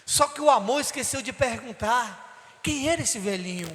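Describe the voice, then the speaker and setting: A male bishop preaching an impassioned sermon, swinging between loud and soft. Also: very high voice, expressive, normal speed. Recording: long church hall reverb.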